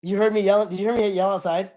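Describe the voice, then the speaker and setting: A man's voice: high-pitched, steady tone, very fast, a little mellow. A young man streamer chatting casually with his live chat, loose and slangy, often apologizing.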